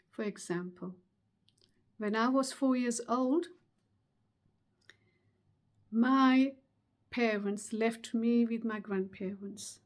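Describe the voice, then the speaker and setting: A middle-aged woman delivers a motivational webinar talk in a fairly high voice. She speaks slowly and earnestly, pausing often to let points land. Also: a little mellow. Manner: slow, earnest, emphatic delivery with pauses.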